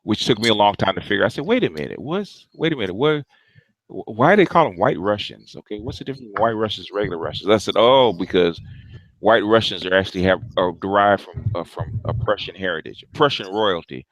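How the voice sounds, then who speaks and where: A man's voice: on the low side, expressive, fast talker, fairly bright tone, slight background noise, low-quality recording. A man hosting a casual online chat show, rambling along and often repeating and restarting his words. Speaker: show host. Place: Long Island.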